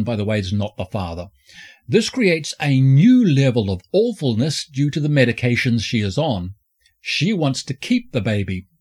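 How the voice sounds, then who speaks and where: A man hosting a film review podcast, reading scripted narration in a campy, flamboyant drag-queen manner with a husky voice. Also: medium pitch, darkish tone.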